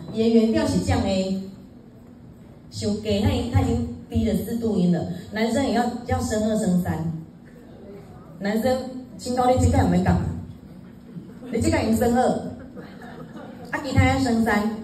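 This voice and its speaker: A woman's voice: on the high side, a little mellow. Woman coaching a singing class. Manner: mixes talk with sung demonstrations, coaching and counting in. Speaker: singing teacher. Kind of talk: singing lesson. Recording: echoey room, far from the mic, with background noise.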